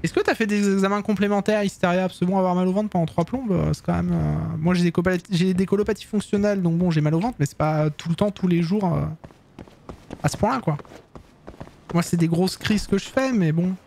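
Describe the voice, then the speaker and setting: A man's voice: high voice, brisk, gravelly, a little mellow. A man streaming, chatting casually and teasingly with his viewers in slangy talk.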